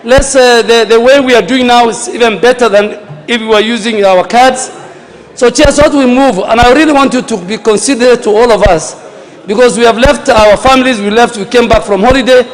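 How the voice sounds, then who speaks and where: A man speaking as a member of parliament, addressing the chair in a halting way and repeating words. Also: very high voice. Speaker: member of parliament debating from the floor. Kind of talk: parliamentary floor speech. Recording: reverberant parliament chamber.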